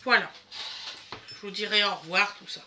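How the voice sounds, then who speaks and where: A woman's voice: medium pitch, fairly even intonation, normal speed, pushed and bright, slight background noise. A middle-aged woman chatting to her viewers while she cooks in her home kitchen. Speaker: vlogger cooking with her family. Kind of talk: casual kitchen vlog chat. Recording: home kitchen with clattering dishes.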